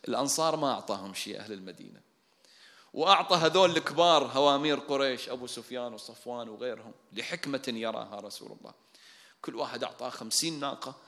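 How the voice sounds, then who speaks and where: Preacher man telling stories in a sermon, bright sharp voice, rushing along. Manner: storytelling, dramatic swings in loudness and pitch. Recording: long hall reverb.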